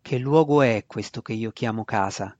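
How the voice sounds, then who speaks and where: A man voicing a young male dark elf warrior, defiant and grave, speaking low, slow and with calm menace. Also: dry recording, highs cut off, close to an everyday voice. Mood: quiet.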